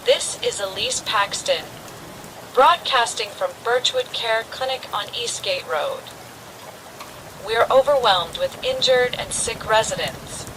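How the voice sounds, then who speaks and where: An actress playing an earnest community leader making urgent appeals in a post-apocalyptic radio broadcast. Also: female voice, a little high, big pitch swings, measured pace, background noise.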